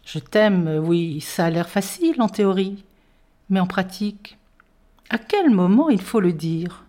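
A woman reading a children's story aloud in a playful, expressive way, narrating as a young boy in the first person. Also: mid-range voice, unhurried.

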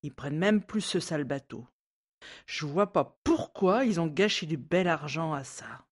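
An actress playing a resentful, anxious housemaid who complains and hesitates. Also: female voice, low voice, expressive, unhurried, slightly rough, full character voice. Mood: grumbling. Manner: complaining, fretful, hesitant with many fillers. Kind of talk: audio drama acting.

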